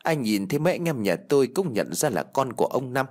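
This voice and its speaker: A male storyteller reading a ghost story in a plain, steady way. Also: mid-range voice, fast talker. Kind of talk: scripted horror story narration.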